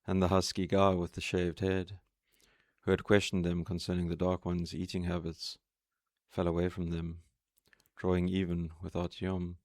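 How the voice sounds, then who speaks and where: A man narrating a novel chapter in a steady, measured reading. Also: deep voice, dry recording, clean studio sound. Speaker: audiobook reader. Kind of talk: scripted narration.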